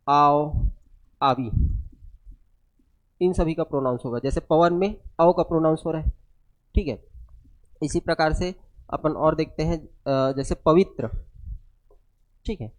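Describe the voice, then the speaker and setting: A man giving a step-by-step grammar lecture, unwell and low on energy, asking the class questions and answering them himself. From India. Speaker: grammar teacher.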